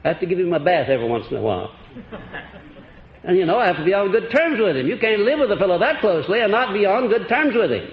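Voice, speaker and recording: On an echoey, dull old lecture-hall tape with faint hiss, a man delivers a folksy motivational seminar to a live audience, chuckling and quizzing them. His voice sits high and sing-song, and he talks fast.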